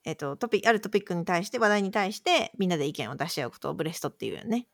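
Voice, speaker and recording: Lively-voiced woman explaining words on a podcast. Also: lowish voice, racing, dry recording, clean studio sound. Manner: patient, explanatory, conversational. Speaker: podcast co-host posing quiz words. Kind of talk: casual podcast chat.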